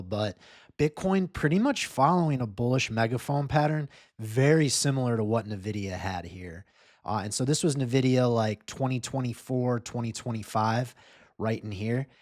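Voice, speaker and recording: Addressing his viewers directly, a man hosts casual crypto market commentary, talking informally and upbeat over charts on camera or screen share. His medium-pitched voice is a little mellow at a moderate pace, in clean studio sound with no room sound.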